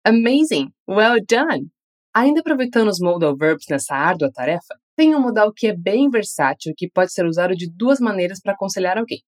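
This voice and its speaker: A woman with a Brazilian Portuguese accent teaching an English lesson, saying model phrases slowly for learners to repeat and praising them after each drill. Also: medium pitch, animated.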